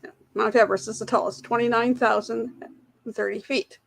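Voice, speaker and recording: A woman's voice: a little high, fairly even intonation, fairly quick, vocal fry, a little hiss or hum. A woman hosting a casual live trivia quiz, reading questions aloud and chatting with viewers in the chat. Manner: reads questions aloud, greets and answers chat viewers, laughs at herself. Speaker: trivia livestream host.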